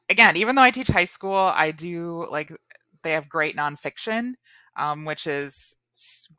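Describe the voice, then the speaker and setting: A woman teacher talks as an interview guest in a bright, forceful voice, with plenty of "um" and "like" as she goes. The recording is dry and close, with no room sound. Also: sits low, smooth, no room sound. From United States. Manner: chatty, lots of fillers like "um" and "like". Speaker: guest, virtual high school English teacher. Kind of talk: casual interview chat.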